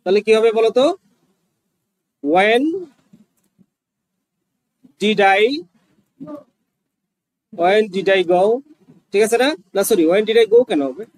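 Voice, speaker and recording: Slow, patient male teacher. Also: high voice, darkish tone, no echo, low-quality recording. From Bangladesh. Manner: patient, repeats and prompts students. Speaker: English teacher. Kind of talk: classroom teaching.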